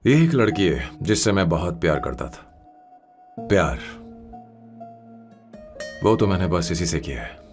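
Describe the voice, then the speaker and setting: A man's voice: low-pitched, sing-song, unhurried, vocal fry, pauses often, full character voice. A man dubbing a lovesick young man, the boss, in a film, pleading and indignant by turns. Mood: tender. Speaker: film character. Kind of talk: dubbed film dialogue. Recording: film soundtrack with faint music.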